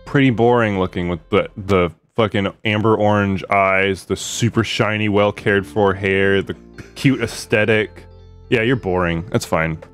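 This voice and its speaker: A man's voice: fairly low pitch, fairly even intonation, unhurried, a bit bright. A man giving casual gaming commentary as a co-host, teasing, sarcastic and sweary. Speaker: let's play co-host. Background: game music.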